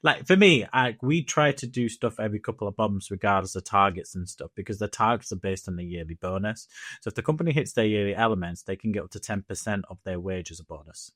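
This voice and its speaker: A man's voice: lowish voice, quick pace, a bit bright, dry recording, studio quality. A man chatting casually as a podcast co-host, rambling with restarts and fillers.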